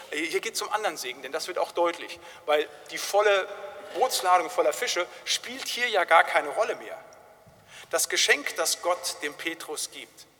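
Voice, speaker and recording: In a church with long hall reverb, a pastor preaches a sermon in a fairly high, bright, forceful male voice. His style is chatty and conversational, repeatedly tagging lines with "nicht?", and at times he imitates a crying baby.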